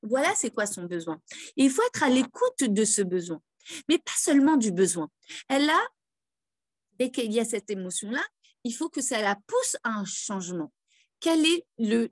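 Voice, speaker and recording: A woman guides listeners through tapping rounds in a wellness workshop. She has a somewhat high voice, pauses often and restarts her sentences. The sound is dry and close, with no room echo. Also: sing-song. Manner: hesitant, many fillers and restarts, coaching tone. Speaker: EFT practitioner.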